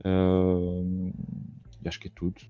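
A man's voice: sits low, completely flat delivery, measured pace, clean tone, dull audio, soft background music. A man with a European Portuguese accent, a podcast guest talking casually on a video call, with many fillers and restarts. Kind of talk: casual chat.

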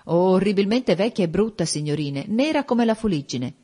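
A woman's voice: mid-range voice, animated, moderate pace, warm tone, slightly rough, voice pushed up. A woman reading an audiobook voicing a hesitant male servant who reports nervously to his masters. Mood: uneasy.

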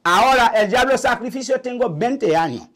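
An older man with a Haitian accent, a vodou priest telling his story in a halting, repetitive way in an interview. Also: extremely high pitch, lively intonation, a bit bright. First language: Haitian Creole. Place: small indoor shrine room.

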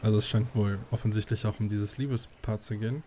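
A man's voice: lowish voice, steady tone, fast, dark tone, a little hiss or hum. A man giving casual let's play commentary, musing and thinking aloud.

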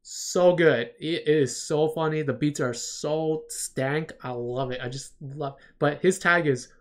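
A man's voice: a little high, slow pace. A man giving a casual livestream critique of storyboards, talking in an enthusiastic, rambling way full of "like". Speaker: storyboard artist reviewing viewer work.

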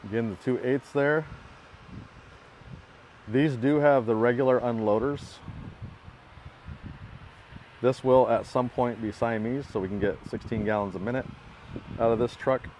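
This man speaks in a mid-range, slightly mellow voice at a measured pace, leaving long pauses. He's an equipment builder casually walking through a work truck outdoors in a parking lot, filming on a handheld phone, and the audio is poor with slight background noise.

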